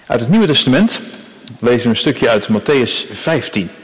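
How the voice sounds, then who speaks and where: A man's voice: medium pitch, sing-song. Solemn male pastor in a reverberant church. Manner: measured, solemn reading voice. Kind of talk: scripture reading in a church service.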